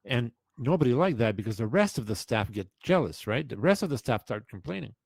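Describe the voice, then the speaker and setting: A man's voice: medium pitch, big pitch swings, a little fast, vocal fry, slightly rough, no room sound. A man in his fifties hosting a casual chat, talking emphatically and rambling with restarts. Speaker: podcast host.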